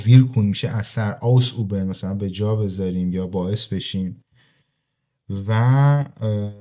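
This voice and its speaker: A man teaching a language grammar lesson, reading example sentences slowly and then explaining them quickly to his students in a casual way. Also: on the low side, dark tone. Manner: addresses listeners informally as "kids". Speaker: German teacher.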